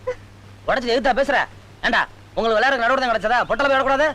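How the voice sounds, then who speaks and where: A boastful, bossy village bachelor. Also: male voice, very high voice, steady tone, very fast, sharp tone. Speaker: village man in a film comedy scene. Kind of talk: film comedy dialogue.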